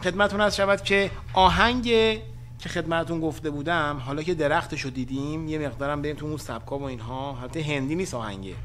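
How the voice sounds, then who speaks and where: A man from Iran hosting a casual live-stream chat, playful and teasing, jumping between loud laughing bursts and low asides. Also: slight background noise. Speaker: show host.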